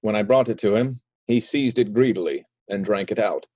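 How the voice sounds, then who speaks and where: A man narrates a story in a low voice with an even, measured delivery. The sound is dry and close. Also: no echo.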